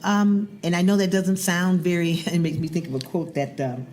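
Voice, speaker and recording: Animated middle-aged woman guest. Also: lowish voice, moderate pace. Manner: animated, repeats words when starting a thought. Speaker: guest, business owner. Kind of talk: casual interview chat.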